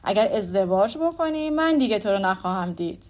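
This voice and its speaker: A woman voicing an older father who speaks in a calm, measured, dryly ironic way in an audiobook. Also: medium pitch, close to an everyday voice. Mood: wry. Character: Mr Bennet, wry dry older father. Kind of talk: audiobook character voice.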